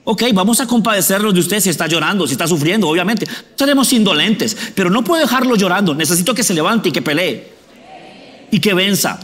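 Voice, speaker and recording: A man's voice: high-pitched, animated, fast, a bit bright, long reverb tail. A male pastor preaching a sermon conversationally, often asking the congregation questions.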